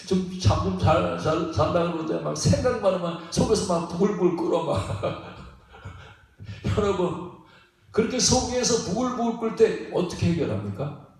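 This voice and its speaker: Lively pastor preaching in an echoey church. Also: male voice, high-pitched, moderate pace. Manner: folksy, repetitive, often prods the congregation with "예?"; chuckles between phrases. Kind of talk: sermon. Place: church sanctuary. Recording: very echoey hall, mic at a distance.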